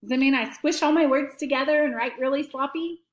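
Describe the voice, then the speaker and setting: A woman teacher giving an early-grade writing lesson and slow dictation to students at home, prompting them patiently. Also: high-pitched, echoey room.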